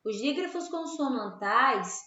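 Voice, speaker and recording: Brazilian woman teacher with an unhurried, patient delivery, recorded lo-fi and dull. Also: high voice, animated, sharp tone. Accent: Brazilian Portuguese. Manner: patient and explanatory, checks in with "certo?" and "tá?". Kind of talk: classroom grammar lesson. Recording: very echoey room, dull lo-fi sound.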